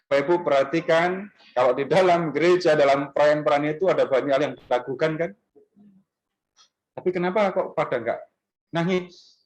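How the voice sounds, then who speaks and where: A man's voice: a little high, moderate pace, long pauses, rough recording. A man giving an Easter talk to a church group in a restaurant function room. He keeps it conversational and often asks the audience questions. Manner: animated, rising emphasis on key words. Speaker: speaker at a parish gathering.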